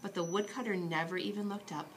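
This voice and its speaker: A woman reads a children's bedtime story aloud in an expressive, dramatic storytelling manner. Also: medium pitch, quick pace, slight background noise. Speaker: storybook reader.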